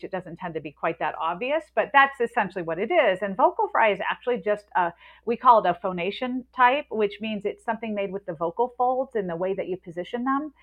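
A woman, a linguist and author, explaining language ideas in a lively interview with spoken examples. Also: medium pitch. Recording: tinny phone-like line.

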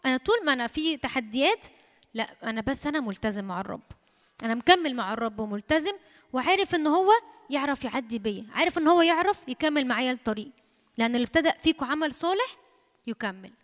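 A woman's voice: sits high, animated, quick pace. A woman preacher with an Egyptian Arabic accent giving an emphatic sermon, repeating phrases and quoting scripture. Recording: long hall reverb.

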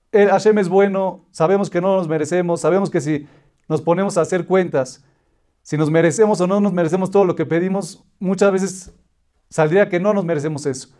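A man's voice: high voice, a little mellow. A man teaching a religious lesson, telling a parable and explaining it patiently in repeated listed phrases. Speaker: Torah teacher.

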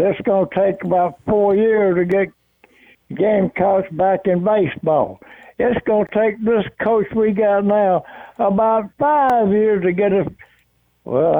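A man calls in to a sports talk show over a tinny phone line. His voice sits high and gravelly. He talks bluntly and emphatically, saying the same point again and again. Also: measured pace, no echo. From South Carolina. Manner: plainspoken, emphatic, repeats himself. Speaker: caller.

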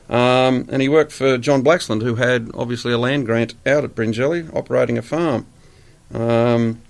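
An Australian man in his sixties, a guest chatting in a relaxed interview, rambling with many fillers. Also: medium pitch, vocal fry. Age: 60s.

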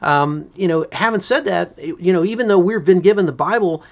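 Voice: medium pitch, normal speed. A church podcast co-host talking in a reflective, enthusiastic way, often saying "you know". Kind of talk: casual church podcast discussion.

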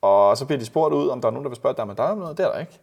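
A man co-hosting a casual football podcast, telling lively anecdotes and imitating the people in them. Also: mid-range voice, vocal fry, husky. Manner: animated storyteller, mimics others in anecdotes. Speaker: podcast co-host.

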